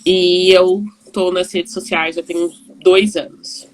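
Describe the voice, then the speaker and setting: A woman in her forties from São Paulo with a São Paulo Brazilian Portuguese accent, chatting warmly as host of a live video call, with frequent restarts. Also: on the low side, level tone, takes it slowly. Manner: chatty, warm, laughing often, many restarts. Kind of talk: casual video call chat.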